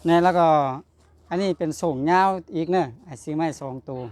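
A man's voice: a little high, a little fast, darkish tone. Lao man chatting as a charity vlogger. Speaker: charity vlogger presenting donated gifts. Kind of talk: casual chat to a family and viewers.

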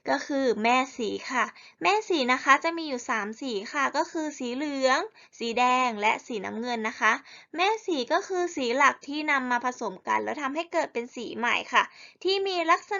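High-pitched female teacher, slightly gravelly, lo-fi sound; reads to small kids with lots of call-and-response. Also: animated, sharp tone. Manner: slow, drawn-out call-and-response to children. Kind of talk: teaching young children.

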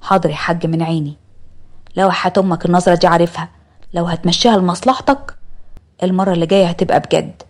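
A woman's voice: fairly low pitch, fast talker, darkish tone, close to an everyday voice. A woman with an Egyptian accent voicing a proud, jealous middle-aged father who teases and scolds. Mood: teasing, scolding. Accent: Egyptian Arabic.

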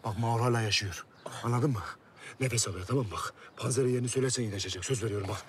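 An actor playing a desperate man who begs a dying foe, then shouts in anguish. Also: medium pitch, racing, a little hiss or hum, lightly acted. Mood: pleading. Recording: tense TV drama music behind.

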